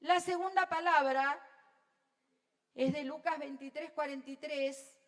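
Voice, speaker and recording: A woman pastor with an Argentine Rioplatense accent, preaching a sermon to a congregation and often checking in with "¿sí?", her voice swinging between loud and soft. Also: high-pitched, steady tone, unhurried. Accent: Rioplatense Spanish. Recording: long reverb of a church hall.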